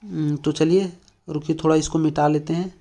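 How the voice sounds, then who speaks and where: A man's voice: on the high side, fairly even intonation, moderate pace, gravelly, mellow. A man from Jharkhand teaching an exam-prep language lesson, explaining step by step with lots of fillers and repeated questions to the class. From Jharkhand, India.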